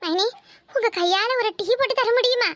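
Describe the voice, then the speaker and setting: A woman's voice: very high-pitched, a bit bright, no echo, studio quality. A woman voicing a scheming, bossy young married woman in a cartoon, talking with a Kanyakumari Tamil accent. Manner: bossy, scolding, fast chatter. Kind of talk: cartoon voice acting.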